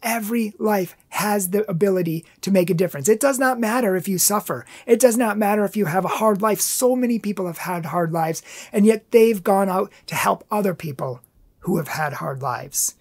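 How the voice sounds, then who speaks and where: Male speaker, husky tone, earnest impassioned testimony for a pro-life talk. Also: high voice, normal speed.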